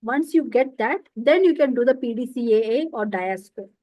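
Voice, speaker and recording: A high-pitched woman lectures over a computer mic on a video call. She explains patiently, repeating key terms and checking in often. The sound is dry and close. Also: expressive, normal speed, no room sound, dull audio. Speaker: nutrition lecturer. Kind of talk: online lecture.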